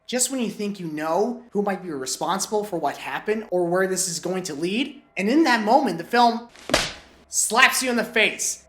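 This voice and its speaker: A woman reviewing a film in a scripted video, her voice still recovering from a cold, with playful jokey asides. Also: medium pitch. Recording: echoey room with music.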